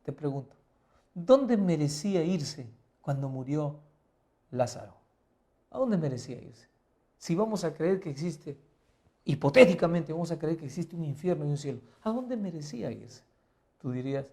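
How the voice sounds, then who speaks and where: Man, pastor, Bible lesson sermon, rhetorical questions, fairly high voice, warm tone. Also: very animated, moderate pace, pauses often. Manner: asks the listener rhetorical questions; emphatic, swinging between quiet and loud.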